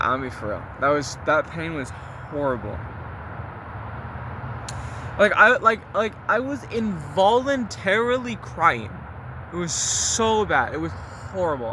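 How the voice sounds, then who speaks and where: A young man with a mid-range voice records a spoken diary as a vlogger, rambling to listeners in a casual, confessional way. He uses slang and mild swearing, and there's noise in the background.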